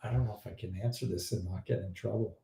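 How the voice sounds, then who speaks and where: A man answers fertility questions on a casual live stream, blunt and animated, sometimes openly exasperated. His voice sounds mellow and a little dark. The room gives it a noticeable echo. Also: lowish voice, quick pace, vocal fry. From Iran.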